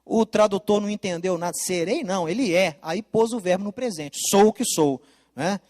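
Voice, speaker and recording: A man's voice: sits high, moderate pace, darkish tone. A man gives a Bible lesson over slides, explaining emphatically and repeating his key points. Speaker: Bible teacher. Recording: long reverb.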